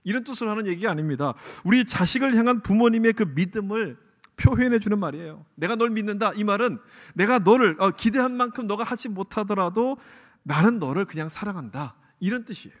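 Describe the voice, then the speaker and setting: A man's voice: high-pitched, expressive, brisk. A middle-aged male pastor preaching a sermon in a church, asking the congregation questions and acting out the inner voices he quotes. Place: church sanctuary. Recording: long hall reverb from a church.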